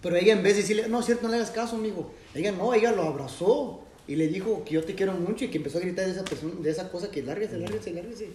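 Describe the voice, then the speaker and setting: A man's voice: high-pitched, racing, few pauses, darkish tone, slight background noise. A man chatting casually on a podcast, telling stories and acting out the quoted voices. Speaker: podcast co-host. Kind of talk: casual chat. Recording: roomy, from a distant mic.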